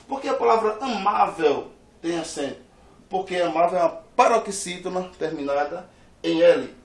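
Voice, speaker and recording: A Brazilian man teaching a grammar lesson, stressing syllables hard and repeating each rule. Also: high voice. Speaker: Portuguese teacher. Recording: echoey room, distant from the mic.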